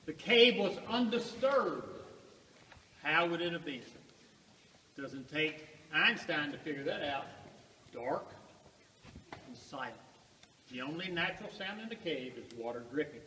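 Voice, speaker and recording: A man guiding a tour group inside a cave, his voice echoing as he projects to them with emphatic pauses and rhetorical questions. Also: on the high side, lively intonation, pushed and bright. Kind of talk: guided tour talk to a group. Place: large underground cave. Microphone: distant camera among the tour group. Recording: echoing cave, distant mic, faint noise.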